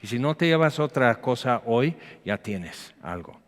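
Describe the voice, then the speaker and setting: A man's voice: mid-range voice, sing-song, a little slow. A man, preaching a sermon in a chatty style, reading scripture and breaking into acted quotes. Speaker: pastor. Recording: long hall reverb.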